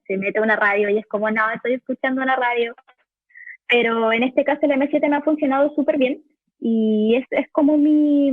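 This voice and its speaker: A woman's voice: sits high, dry recording. A voice actress from Chile with a Chilean accent, answering interview questions from her home recording room in a hesitant way, often restarting and repeating words. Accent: Chilean Spanish. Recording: tinny phone-like line, dry.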